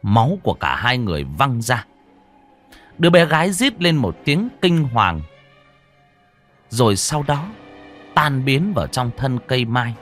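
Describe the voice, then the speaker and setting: A man's voice: mid-range voice, sing-song, unhurried, long pauses, fairly bright tone, faint music behind. A man narrating a ghost story with a dramatic, varied delivery.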